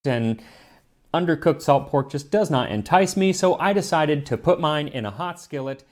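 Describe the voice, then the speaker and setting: A man with a fairly high voice presents scripted narration as a show host. His delivery is very animated, with emphatic, explanatory phrasing. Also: normal speed. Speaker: host of a food history video show.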